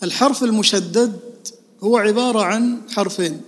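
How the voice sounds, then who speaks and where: A man's voice: high voice, normal speed, big-room sound. A man giving a religious lesson, repeating key words and quizzing his listeners before answering himself. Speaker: religious teacher.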